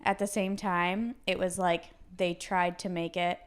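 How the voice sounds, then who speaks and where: A woman's voice: fairly low pitch, flat delivery, a little slow, clean tone. A woman in her late twenties co-hosting a podcast, chatting casually with fillers and frequent laughs. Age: 20s. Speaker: podcast co-host. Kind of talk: casual chat.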